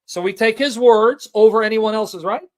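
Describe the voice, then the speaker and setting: A man's voice: high-pitched, normal speed. A man teaching a Bible study, reading scripture aloud and explaining it, stressing his points and often checking in with listeners.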